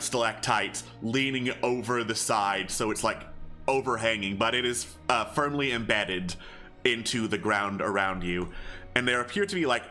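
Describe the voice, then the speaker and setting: A man improvising narration as game master of a tabletop game, in a halting, conversational way. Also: medium pitch, sharp tone.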